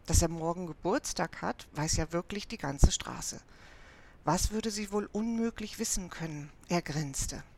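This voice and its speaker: A woman reading a children's story aloud in a calm, even manner. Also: lowish voice, unhurried, slight background noise. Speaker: narrator.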